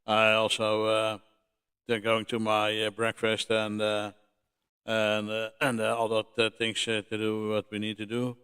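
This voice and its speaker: A man running a ham radio contact on a livestream, speaking in a halting, friendly way with many fillers. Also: on the low side, monotone, a bit bright, smooth.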